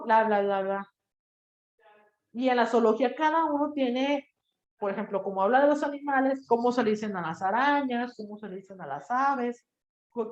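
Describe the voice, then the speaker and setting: Woman teacher in an echoey room. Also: a little high. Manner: lively, explanatory, lists terms and trails off with "bla, bla". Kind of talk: classroom lecture. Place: classroom. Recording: echoey room, dull lo-fi sound.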